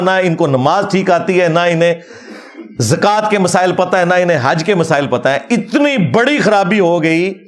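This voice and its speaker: A man giving a critical religious talk in a mocking, argumentative way. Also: high voice. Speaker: religious speaker.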